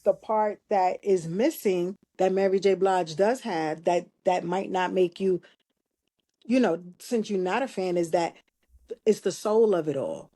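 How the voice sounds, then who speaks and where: A woman co-hosting a casual podcast chat, thinking out loud with restarts and emphatic asides. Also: on the low side, a little slow. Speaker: podcast co-host.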